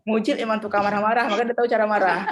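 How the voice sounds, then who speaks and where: A middle-aged woman teaching Mandarin in an online class, chatty and patient, saying tones slowly for students to copy. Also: mid-range voice, lo-fi sound.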